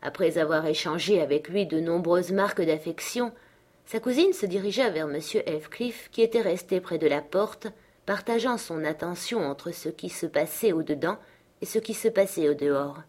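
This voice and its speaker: A woman narrating a classic novel in a measured, even storytelling manner. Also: on the low side. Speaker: audiobook narrator. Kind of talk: scripted literary narration.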